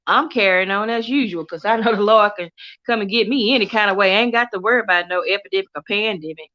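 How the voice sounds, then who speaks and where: A middle-aged livestream host from Texas with a Southern accent chats warmly with viewers and reads out their comments, laughing often. Her mid-range voice is fast and animated, though allergies make her cough, and the audio sounds dull.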